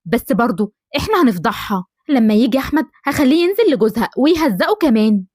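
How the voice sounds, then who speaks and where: A woman with an Egyptian accent voicing a suspicious, scheming young housewife who mutters quickly to herself. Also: fairly high pitch, sing-song, darkish tone, husky, dry recording, studio quality.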